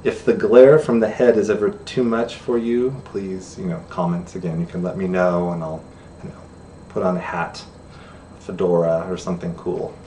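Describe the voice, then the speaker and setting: A man's voice: low-pitched, steady tone, moderate pace, mellow. A middle-aged man teaching a friendly beginner sign language lesson to camera, chatty and laughing at himself. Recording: distant camera mic with faint room noise.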